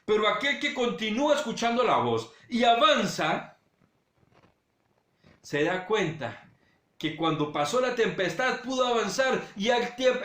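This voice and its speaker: A male pastor giving a sermon, talking straight to his listeners and swinging between loud urging and hushed low passages. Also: reverberant. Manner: direct address to listeners.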